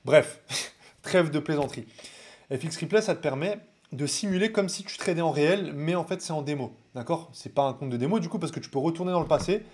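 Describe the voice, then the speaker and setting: A French man speaks straight to his viewers as a trading coach, his voice sitting a little high for a man. He talks casually and with energy, addressing them like pals and dropping conspiratorial asides. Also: fast talker, a little mellow. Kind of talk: casual direct-to-camera advice.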